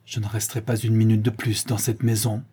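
A man voicing a proud, earnest young boy in an audiobook, quiet and firm. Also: on the low side, flat delivery, fairly quick, breathy edge. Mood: reproachful, firm.

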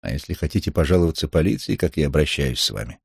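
A man's voice: animated, fast, vocal fry, slightly rough, no echo, clean studio sound, heavily acted. A man voicing a panicking, asthmatic male TV presenter who gasps out frantic threats in an audiobook. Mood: threatening. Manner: shrill, frantic, breathless threats. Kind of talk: audiobook character voice.

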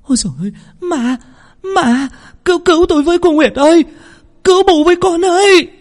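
A man voicing a poor village mother who is fretful and shrill, in a spoken horror story. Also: sing-song, normal speed, warm tone, slightly rough, full character voice. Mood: terrified.

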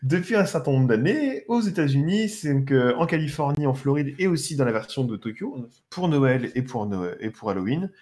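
A man's voice: medium pitch, lively intonation, moderate pace, few pauses, a little mellow. A man co-hosting a casual podcast about film music, thoughtfully giving his opinions. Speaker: podcast co-host.

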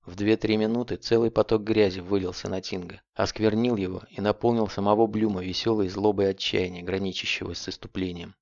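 A man narrating an audiobook in a steady, grave storytelling manner, on a dull lo-fi recording. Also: on the low side, fairly quick, vocal fry, few pauses, no echo.

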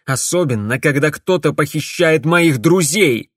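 A man voicing an angry, hot-headed young hero in an audiobook, indignant and loud. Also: fairly high pitch, animated, normal speed, no echo, studio quality, voice pushed up, lightly acted. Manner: indignant and shouting.

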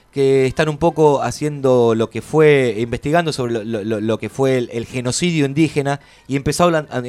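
Argentine male guest, somewhat high voice, hesitant and reflective. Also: a little mellow. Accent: Argentine Spanish. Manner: halting, many restarts and fillers, thoughtful. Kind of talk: radio conversation.

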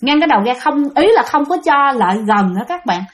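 A woman's voice: high-pitched, big pitch swings, brisk. A woman with a Southern Vietnamese accent telling a ghost story casually, chatting to her listeners as she goes. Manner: chatty, keeps addressing listeners.

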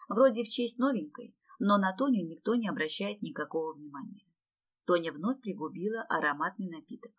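Low-voiced woman narrating an audiobook. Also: fairly bright tone.

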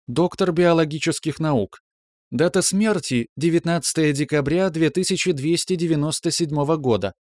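A soft female spaceship computer performed by a man reads out data in a measured, mechanical manner. The pitch is lifted and the delivery stays impassive and formal, in a dry science-fiction audio story. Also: no echo, natural voice.

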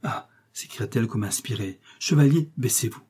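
A man's voice: medium pitch, expressive, moderate pace, dark tone, husky. A man reading aloud, voicing a worried noble countess who scolds and gives urgent orders. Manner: scolding, pressing, anxious. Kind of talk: audiobook reading.

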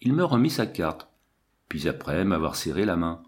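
A man's voice: deep voice, sing-song, normal speed. A man reading a first-person story aloud as an audiobook narrator. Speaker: audiobook reader.

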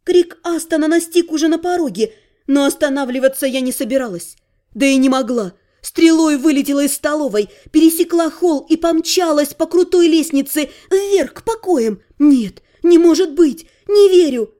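High-voiced woman narrating an audiobook. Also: normal speed. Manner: expressive, emotional character reading. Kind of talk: first-person audiobook narration.

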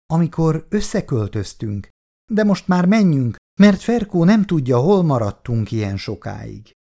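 A man reading aloud and voicing a woman who gently urges her partner to leave. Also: low voice, big pitch swings, pitched above the performer's own voice, exaggerated voice. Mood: urging. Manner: gently urging.

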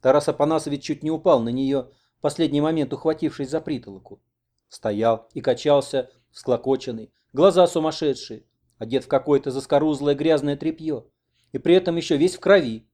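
A man reading an audiobook in an expressive narrating style. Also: a little high, fairly quick. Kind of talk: scripted narration.

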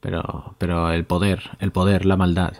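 A man in casual chat, quick to agree and swearing casually. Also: sits low, flat delivery, vocal fry, a little mellow, no echo, studio quality.

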